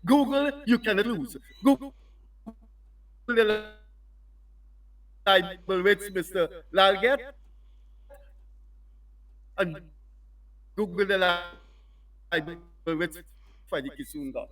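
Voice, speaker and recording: Man, very high voice, insistent and repetitive, call line breaking up and fading, distant from the mic. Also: takes it slowly, pauses often, fairly bright tone. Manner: insistent, repeats phrases. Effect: breaking-up, fading call line with static. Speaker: newspaper columnist calling in. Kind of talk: heated call-in rebuttal. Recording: distant, dropping call audio.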